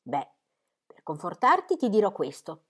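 A woman reading the part of a kindly, teasing middle-aged male country doctor, dry and gently mocking. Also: mid-range voice, huge pitch swings, measured pace, breathy edge, exaggerated voice. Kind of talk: audiobook character reading.

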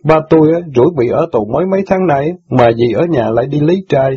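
A man's voice: mid-range voice, expressive, fast talker, slightly rough, pitched above the performer's own voice. A man voicing a sulky, angry teenage boy in a storybook reading, talking back with bitter, defiant retorts. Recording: dull lo-fi audiobook recording.

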